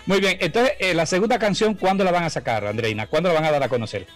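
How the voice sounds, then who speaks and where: A man's voice: on the high side, quick pace, faint music behind. A man, hosting a casual interview in a jovial, colloquial way. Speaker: interview host. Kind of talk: casual radio-style interview.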